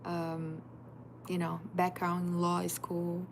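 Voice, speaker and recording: Speaking slowly in a lowish voice with a completely flat delivery, a woman in her thirties runs a motivational livestream. She's an emphatic life coach whose first language is Portuguese, repeatedly and directly urging "you," with background noise audible.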